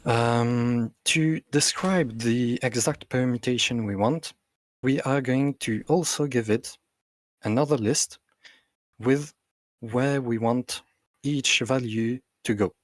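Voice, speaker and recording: A man explaining computer science over a video call that comes through glitchy and warbling. He talks haltingly, with many ums and restarts. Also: mid-range voice, dry recording. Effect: glitchy, warbling video-call audio. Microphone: computer mic on an online call.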